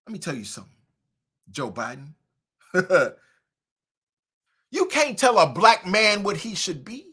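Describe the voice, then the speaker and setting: A man delivers livestream commentary, mocking and preachy in tone. His voice is bright and forceful, and it swings from quiet asides to loud outbursts. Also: high-pitched, sing-song, measured pace, breathy edge. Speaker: commentary host.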